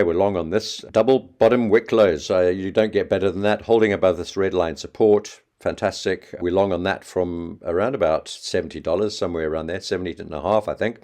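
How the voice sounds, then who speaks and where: A man giving a quick, chatty trading market update, talking fast and offhand. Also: low voice, darkish tone. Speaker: market analyst.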